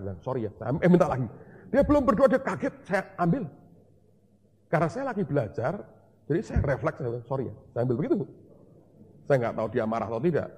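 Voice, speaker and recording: A man preaching in a large church hall, with a long reverb trailing behind each phrase. His voice is dark and husky, and he tells his testimony like a story, acting out the dialogue of each person in it. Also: on the low side. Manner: storytelling, acting out dialogue, mixes in English words. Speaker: pastor.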